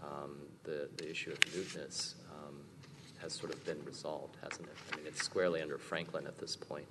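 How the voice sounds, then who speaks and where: Really deep voiced guy judge asking questions, echoey noisy courtroom. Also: level tone, normal speed. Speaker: appellate justice. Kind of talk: questioning from the bench. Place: large courtroom. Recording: echoey hall, clear background noise.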